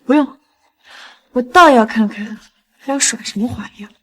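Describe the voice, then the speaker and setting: A commanding young heiress, cold and scornful, as an actress plays her. Her voice sits fairly high in this drama series. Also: moderate pace, lightly acted.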